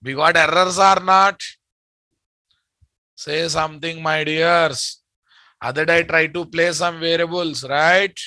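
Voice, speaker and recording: An Indian man with a Telugu accent lectures students on programming. His voice is bright, hard-edged and a little high, captured close and dry. He drives points home by repeating them and firing questions at his listeners. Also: fairly even intonation, slow pace, long pauses, dry recording. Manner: emphatic, repeats statements and quizzes listeners. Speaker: programming teacher.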